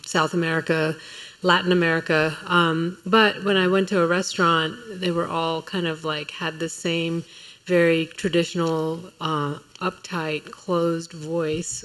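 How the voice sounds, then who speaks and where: A woman's voice: on the low side, low-quality recording. A woman speaking on a food panel at a public event, reflective and earnest, with fillers. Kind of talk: panel talk. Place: museum event hall.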